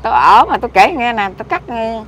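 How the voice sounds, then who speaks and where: Rambling fast-talking Southern Vietnamese woman. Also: a little high. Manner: rambling, excitable, scolding. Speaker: interviewee. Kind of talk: rambling street conversation. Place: outdoors by a street. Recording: loud street traffic behind.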